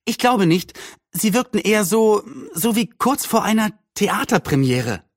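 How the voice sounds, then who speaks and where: A man voicing a cheerful, lively young girl in a storybook reading, with eager, quick replies. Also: high voice, dry recording, studio quality, pitched above the performer's own voice, full character voice.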